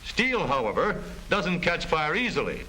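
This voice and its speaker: In the manner of a 1930s educational film, an American man narrates with formal, explanatory emphasis. His high voice is very animated and sharp in tone, swinging widely but unhurried. The vintage soundtrack is poor, with a faint layer of noise.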